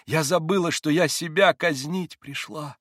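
A man reading the part of a passionate, proud young woman, raising his voice higher and speaking with a trembling emphasis. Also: fairly quick, fairly bright tone, no echo, clean studio sound. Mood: impassioned.

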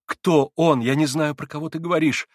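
A tormented young man with a fierce, demanding edge, as a male reader puts him on. His voice is dry and close, medium in pitch, swinging from frantic to icy. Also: lively intonation, normal speed, no echo, close to an everyday voice. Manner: shouts and demands, then turns cold.

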